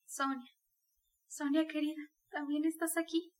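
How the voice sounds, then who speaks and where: A woman's voice: high voice, fairly even intonation, moderate pace, fairly bright tone. A woman voicing a feverish dying mother. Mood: tender farewell. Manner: feverish, breaking between pleading and rage. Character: dying delirious mother, feverish, proud, desperate.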